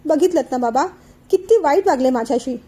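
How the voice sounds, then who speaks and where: A woman's voice: high voice, expressive, a little fast, dark tone. A woman doing a tearful sulking young wife. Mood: tearful complaint. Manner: complaining through tears.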